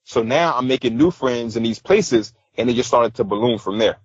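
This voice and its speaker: A man's voice: medium pitch, normal speed, breathy edge, dry recording, lo-fi sound. A man from New York City, a podcast guest, telling stories in a casual interview and acting out what others said. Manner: animated, acts out quotes of others. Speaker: podcast guest, style coach.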